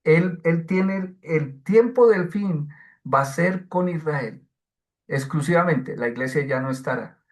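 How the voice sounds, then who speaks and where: A man teaching the Bible fields questions in an online class, his voice on the high side. He speaks slowly and hesitantly, with many fillers and restarts.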